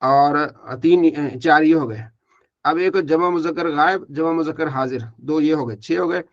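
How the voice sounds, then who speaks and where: Man teaching Arabic grammar, slightly high voice. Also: measured pace, muffled recording. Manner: drills students by asking and answering his own questions, repeats forms. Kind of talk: online class lecture.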